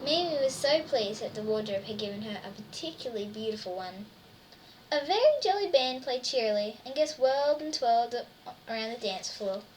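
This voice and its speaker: With a fairly high, expressive voice and a brisk delivery, a female storybook reader addresses young children, filling the tale with wonder and exclamations. It's picked up from a distance, and faint noise sits in the background.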